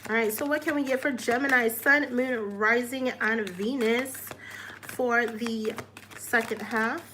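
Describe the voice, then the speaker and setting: A woman's voice: on the high side, fairly even intonation, a little slow, background noise. A woman doing a casual tarot reading in an upbeat, encouraging way, often checking in with "all right?". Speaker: tarot reader.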